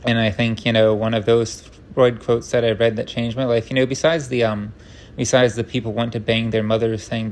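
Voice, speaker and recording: A man with a mid-range, creaky, slightly mellow voice rambles through an unscripted rant full of tangents. He keeps stopping and restarting, adding wry, self-deprecating humor, and there is slight background noise.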